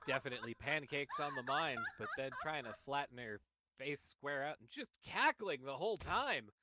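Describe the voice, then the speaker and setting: A man giving excited play-by-play commentary on a wrestling match, calling each move as it happens. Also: medium pitch, very noisy. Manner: excited, calls moves quickly.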